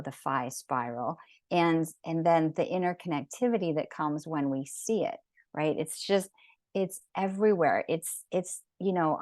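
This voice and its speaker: A woman with a low voice leads an online geometry class, rambling eagerly and restarting her sentences. The sound is dry and close, coming through a video call. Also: dry recording. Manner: rambling, enthusiastic, many fillers and restarts. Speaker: sacred geometry teacher.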